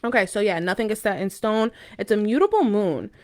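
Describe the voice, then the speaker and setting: A woman giving a casual, mystical horoscope and tarot card reading to viewers in a halting, informal way with intuitive asides. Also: mid-range voice, sing-song.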